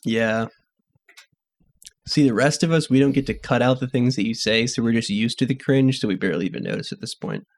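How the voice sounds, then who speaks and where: A man's voice: medium pitch, lively intonation, fairly quick, gravelly. A young man co-hosting a casual podcast, telling stories with frequent laughter and playful jokes. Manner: laughs often, jokey, breaks into silly sing-song. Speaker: podcast co-host. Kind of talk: casual chat.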